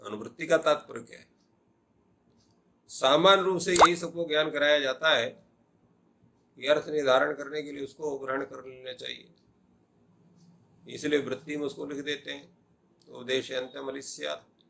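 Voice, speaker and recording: A man's voice: on the high side, steady tone, moderate pace, gravelly, long pauses, bright, forceful tone. An older male professor lecturing on Sanskrit grammar, posing questions and answering them himself. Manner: explanatory, asks and answers his own questions.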